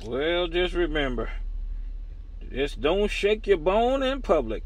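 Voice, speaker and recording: A man's voice: high-pitched, very animated, slow pace, slight background noise. A man making casual CB radio chat, with slangy, folksy, teasing banter. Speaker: CB radio operator.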